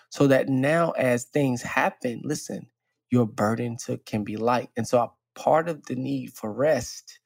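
A man's voice: medium pitch, creaky, breathy edge, no room sound, clean studio sound. A man co-hosting a podcast, speaking emphatically in a preachy way and often checking in with "right?". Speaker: podcast co-host. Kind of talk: casual chat.

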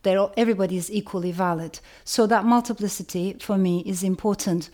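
Speaking with a warm, mid-range voice, a Turkish woman gives a contemplative lesson, measured in delivery and returning to key phrases for emphasis.

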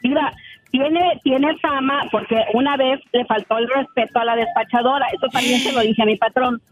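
A woman's voice: high-pitched, steady tone, normal speed. A woman calling in by phone, telling an indignant story with lots of energy. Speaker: caller. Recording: tinny phone line.

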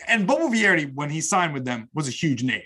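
A man hosting a podcast interview, excitably stacking repeated words as he builds his questions. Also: a little high, a little fast, husky. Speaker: podcast host. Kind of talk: casual interview chat.

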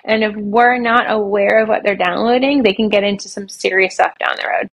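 A woman's voice: mid-range voice, fairly even intonation, rough recording. Earnest, emphatic woman podcast guest. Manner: earnest, emphatic, quick in bursts. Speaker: guest, children's author and speaker. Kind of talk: podcast interview.

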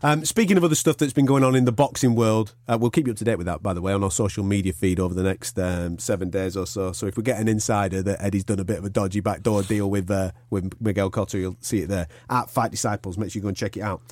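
A man's voice: lowish voice, fairly even intonation, fast talker, hardly any pauses, darkish tone, dry recording. An English man hosting a boxing podcast, chatting casually in a blokey, slangy way with plenty of swearing. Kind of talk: casual sports chat.

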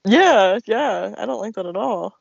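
A young adult co-host chatting casually, mostly with short groans, "ugh"s and quick yeses. The voice sits mid-range, and the recording is dry and slightly dull. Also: medium pitch, lively intonation, creaky, dry recording. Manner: reacts with short groans and agreement. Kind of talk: casual chat.

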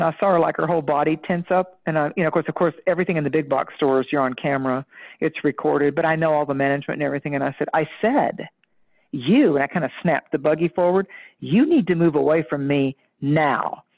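Woman, lively emphatic storyteller, guest psychic chatting, thin phone-line sound. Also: low voice, fast talker, creaky. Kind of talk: animated anecdote-telling in casual chat. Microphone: phone or call line.

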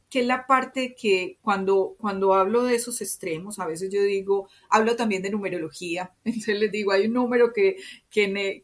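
A woman from Medellín with a paisa accent from Antioquia, Colombia, speaks as an interview guest in a medium-pitched voice. Her explanations are expressive and conversational, often punctuated by tag questions to check in.

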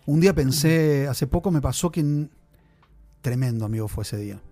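A man's voice: fairly high pitch, lively intonation, normal speed, mellow, no echo, faint music behind. A man co-hosting a casual chat, telling long rambling confessional stories. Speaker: podcast co-host.

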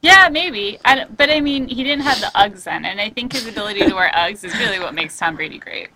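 A woman's voice: mid-range voice, expressive, a little fast, crowd noise, poor audio. A woman co-hosting a casual chat show, telling stories in a chatty way. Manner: chatty storyteller, laughs easily. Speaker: podcast co-host.

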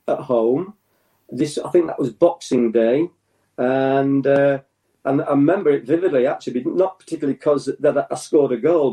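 An older man from England, a former footballer being interviewed, reminiscing in a halting way with many restarts and chuckles. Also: mid-range voice, warm tone, low-quality recording.

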